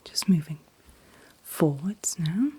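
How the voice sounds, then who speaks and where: Woman, whispered role-play, very breathy, slow pace, calm attentive dentist, gentle reassurance. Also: sits low. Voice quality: breathy, mostly unvoiced whisper. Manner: gentle, reassuring, unhurried instructions. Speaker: ASMR performer playing a dentist.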